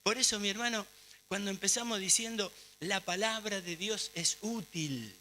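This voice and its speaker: High bright-voiced Argentine preacher. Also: male voice, moderate pace, slight background noise. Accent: Argentine Spanish. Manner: fervent, emphatic preaching. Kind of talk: sermon.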